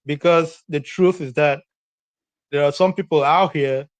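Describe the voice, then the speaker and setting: A man from Cameroon calling into a show, making his point in an earnest, measured way and repeating it. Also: fairly high pitch, fairly even intonation, no room sound. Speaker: caller. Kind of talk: phone-in comment.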